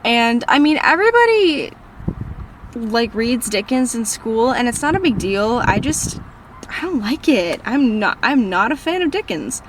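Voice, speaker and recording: In a slightly high voice with big pitch swings, this teen speaks a little slowly over background noise. She's a Minnesota book vlogger with a northern accent, rambling cheerfully through viewer questions from her parked car, bubbly and self-deprecating.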